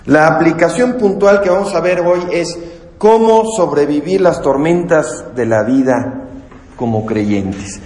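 A man preaching a sermon and reading scripture, in an earnest, measured teaching manner. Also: a little high, a little mellow. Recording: echoey hall with long reverb.

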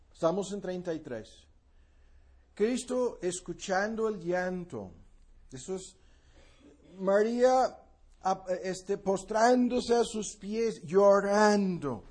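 Male preacher, higher voice, husky, slow and emphatic sermon delivery. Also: animated, a little mellow. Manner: slow, emphatic, repeats key phrases. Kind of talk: sermon, Bible exposition.

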